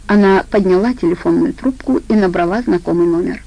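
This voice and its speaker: A woman narrates a crime audiobook in a steady, even storytelling manner. Her voice is warm and a little gravelly, at a medium pitch. The recording is dry and close. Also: a little fast, no echo, rough recording.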